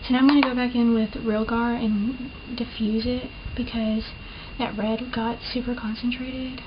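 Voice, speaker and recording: A young beauty vlogger chats through her makeup at home, rambling with fillers and poking fun at herself. Her slightly high voice has a faint lisp, a level tone, and a normal speed. The built-in camera mic makes everything sound dull and muffled over a noticeable hiss.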